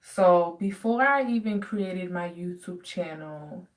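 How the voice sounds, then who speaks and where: A woman's voice: fairly low pitch, slow, far from the mic. A woman in her twenties from the United States chatting casually in a home Q&A vlog, rambling with many fillers. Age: 20s. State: dry throat. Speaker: vlogger.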